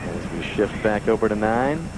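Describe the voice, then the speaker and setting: A man's voice: on the low side, animated, normal speed. A man delivering live televised golf commentary. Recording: very noisy outdoor broadcast sound.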